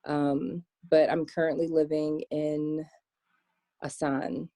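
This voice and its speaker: Low, mellow-voiced American woman chatting. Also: little pitch movement, slow, dry recording. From United States. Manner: chatty, many "um" and "like" fillers. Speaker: interview guest. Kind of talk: casual interview.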